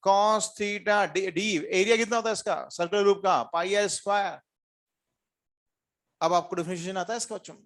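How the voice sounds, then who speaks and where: A man teaching a physics class to students, questioning them often and mixing in English terms. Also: sits high. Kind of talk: classroom lecture.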